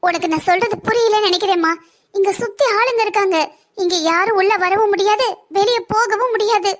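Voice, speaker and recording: A woman voicing a weary woman who has been trapped for years, warning softly and with resignation in a cartoon story. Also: extremely high pitch, brisk. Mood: resigned. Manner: gentle, hushed, resigned warnings.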